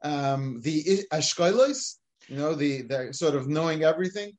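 A man in a conversational religious discussion, speaking haltingly as he questions and steers his partner. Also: fairly high pitch, animated, a little mellow.

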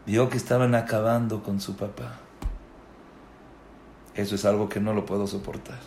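A man, a rabbi, giving a Torah sermon, dropping to low murmurs and then rising into impassioned shouts, with rhetorical questions and repeated words. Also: flat delivery, normal speed, vocal fry, echoey room, a little hiss or hum.

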